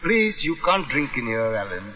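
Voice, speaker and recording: An actor playing a polite, gently humorous middle-aged family man. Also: medium pitch, very animated, normal speed, faint music behind, poor audio. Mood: polite, friendly.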